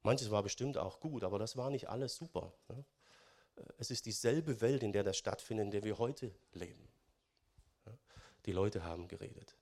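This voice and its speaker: A man giving a sermon in German, chatty and conversational, often adding "ne?" and swinging between loud stressed phrases and quiet musing. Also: on the low side, normal speed. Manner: conversational, keeps adding "ne?" tags. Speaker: preacher.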